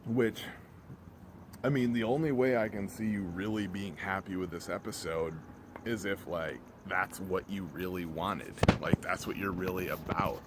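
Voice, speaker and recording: A man with a low voice rants casually over clearly audible ambient noise. He rambles, circles back on the same phrases and often trails off before finishing. His delivery is blunt, exasperated and peppered with profanity. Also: steady tone, normal speed. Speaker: vlogger reviewing a TV episode. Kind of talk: casual off-the-cuff rant.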